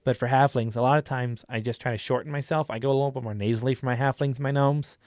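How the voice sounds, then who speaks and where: Talking fast in a mid-range, darkish voice with fairly even intonation, a young man who runs a YouTube channel and plays dungeon master walks viewers through a casual tutorial. He shows things as he chats, leaning heavily on likes and you-knows. The recording is dry and studio quality.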